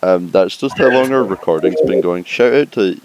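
A man's voice: deep voice, moderate pace, background noise. A young man co-hosting a casual streamed chat, bantering and self-mocking. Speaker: podcast co-host.

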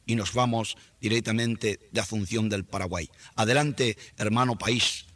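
A man's voice: lowish voice, steady tone, a little slow, background noise, voice pushed down, close to an everyday voice. A man doing a grandiose Spanish radio announcer. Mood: pompous. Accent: put-on Spanish (Spain). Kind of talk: comic mock radio broadcast.

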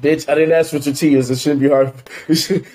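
A young man with a slightly high voice trades blunt, slangy jokes in a loose chat. His replies come quick and teasing. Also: flat delivery, darkish tone. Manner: joking, blunt slang-heavy banter. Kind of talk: casual chat.

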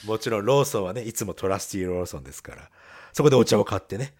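A man's voice: on the low side, racing. A man co-hosting a podcast, telling stories in casual chat and laughing often. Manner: laughs often, animated storytelling. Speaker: podcast co-host.

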